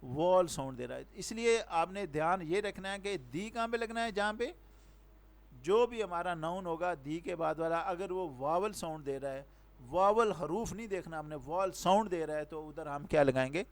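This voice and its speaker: A man teaching an English pronunciation lesson, explaining with repeated examples and questions to the viewer. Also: high voice.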